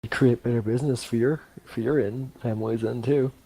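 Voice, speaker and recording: A man playing a tabletop game with a deep, gravelly voice who speaks laconically. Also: fairly even intonation, fairly quick, warm tone, slight background noise, poor audio. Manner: laconic, few words. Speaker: player.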